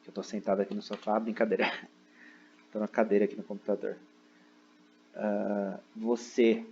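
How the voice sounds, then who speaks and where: A man's voice: fairly low pitch, flat delivery, normal speed, mellow, dull audio, slight background noise. A man explaining a lesson from his computer, constantly checking in with "né?" and "ok?". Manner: explaining step by step, frequent "né?" and "ok?" checks. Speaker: teacher. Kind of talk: recorded online lesson. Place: seated at a computer indoors.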